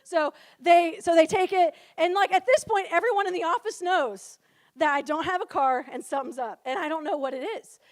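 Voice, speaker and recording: A young woman in her twenties with a very high voice tells a funny story about herself at a retreat. She is chatty and casual, drops "like" constantly and keeps breaking into laughter. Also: brisk. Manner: chatty, full of "like", laughs often while telling. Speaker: retreat speaker. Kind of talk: humorous personal storytelling.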